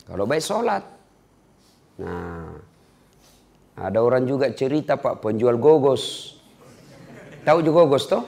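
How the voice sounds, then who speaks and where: A man's voice: medium pitch, big pitch swings, takes it slowly, gravelly, long pauses, darkish tone. A male preacher, giving a humorous storytelling sermon and playfully acting out the voices of characters.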